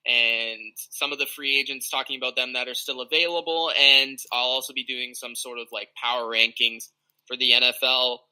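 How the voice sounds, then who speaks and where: Very bright-voiced man in podcast chat. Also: medium pitch, steady tone, moderate pace, clear, resonant tone, rough recording. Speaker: podcast co-host guest.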